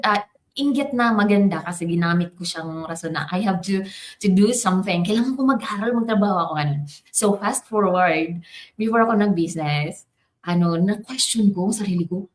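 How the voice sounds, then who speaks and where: A woman, a business coach, telling her personal story in a casual, animated way and mixing in English and Japanese phrases. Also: mid-range voice. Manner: animated, switching between Tagalog, English and Japanese.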